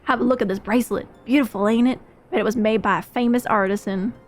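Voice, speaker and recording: A fawning bandit underling, as a woman streamer reads him out pleads and brags in a higher, bright voice. Faint music runs beneath. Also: fairly even intonation, quick pace, close to an everyday voice. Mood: boastful. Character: cowering bandit underling, eager young man.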